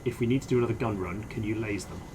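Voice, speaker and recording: A man playing a helicopter pilot in a military game, speaking in measured, understated phrases that switch between casual chat and radio procedure. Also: fairly low pitch. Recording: loud helicopter noise behind voice.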